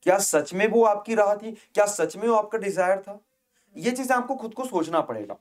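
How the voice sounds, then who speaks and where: A man gives students a motivational lecture in a high, light voice. He keeps asking rhetorical questions and calls his listeners friends and children, switching into English phrases as he goes. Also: lively intonation, normal speed, a little mellow. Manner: casual speech mixed with English phrases. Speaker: exam coaching teacher.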